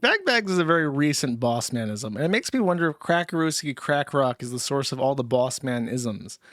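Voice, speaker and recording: A man hosting a show, giving sarcastic running commentary on clips in a quick, casual way and laughing often. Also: mid-range voice, sing-song, fairly bright tone, no room sound, studio quality. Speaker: host.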